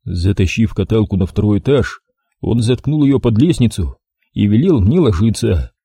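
A man narrating a first-person audiobook with expressive, ironic storytelling. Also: fairly low pitch, moderate pace, slightly rough, dry recording.

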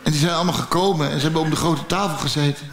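Blunt, profane Dutch comedian telling a story. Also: male voice, fairly high pitch, fairly even intonation, very fast, creaky, reverberant, slight background noise. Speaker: stand-up comedian. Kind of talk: stand-up storytelling.

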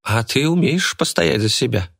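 A man's voice: mid-range voice, very animated, normal speed, creaky, a bit bright, husky, pitched above the performer's own voice, heavily acted. A man voicing a wry young woman who mocks and jokes in a chummy way. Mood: amused. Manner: mocking and chummy.

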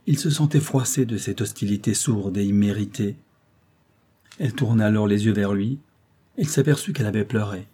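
A man narrating a classic novel as an audiobook, telling the story in an even, unhurried way. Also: on the low side, husky. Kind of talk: scripted literary narration.

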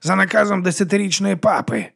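A man's voice: high-pitched, expressive, quick pace, creaky, a bit bright, breathy edge, pitched above the performer's own voice, exaggerated voice. A man playing a grumbling male necromancer, sarcastic and put-upon, for a storybook reading. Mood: sardonic.

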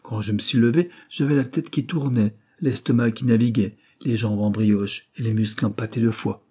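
A man's voice: medium pitch, normal speed, breathy edge, lightly acted. A man reading aloud, voicing a blunt young male chauffeur-mechanic who talks in colloquial slang. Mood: worried. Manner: colloquial, animated working-class talk.

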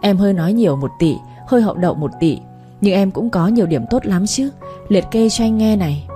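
A woman's voice: medium pitch, lively intonation, a little fast, warm tone, faint music behind, lightly acted. A woman voicing a pushy, cheerful young village woman who talks a lot and pleads. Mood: pleading. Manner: chatty, pleading.

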